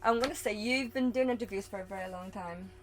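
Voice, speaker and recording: Fast-talking Northern Irish woman interviewer. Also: mid-range voice. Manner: chatty, warm questions with hesitant restarts. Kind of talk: casual interview.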